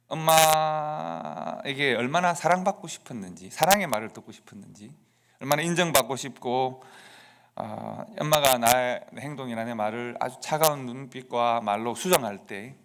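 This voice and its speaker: Middle-aged pastor guy preaching, earnest storytelling, korean accent, mid-pitched voice. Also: moderate pace, fairly bright tone. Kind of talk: sermon.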